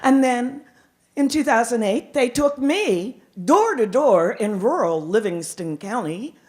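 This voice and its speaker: A middle-aged woman performing as a live storyteller, with dramatic, deliberate phrasing and frequent repetition. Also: on the high side, animated, a little mellow. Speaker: professional storyteller.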